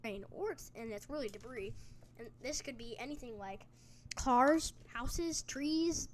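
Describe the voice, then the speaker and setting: A woman's voice: on the high side, moderate pace, slight background noise. A woman hosting a live weather stream, reading chat aloud between urgent storm warnings while eating. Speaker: livestream weather host. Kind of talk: live storm-tracking commentary.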